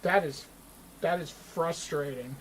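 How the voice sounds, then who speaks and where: A woman's voice: deep voice, takes it slowly, slight background noise, low-quality recording. A woman giving casual commentary as she streams a game.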